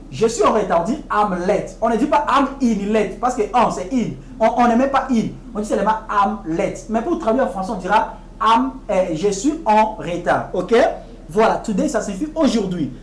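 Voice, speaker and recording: A woman giving a televised English lesson, explaining patiently and repeating each English phrase slowly and deliberately. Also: medium pitch, reverberant, slight background noise, low-quality recording. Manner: explains patiently, often checking with "ok?". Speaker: English teacher.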